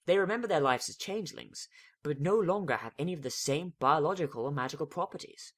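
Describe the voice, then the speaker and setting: A reader playing a calm, regal, motherly female pony princess with a measured, stately manner in a story reading. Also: mid-range voice.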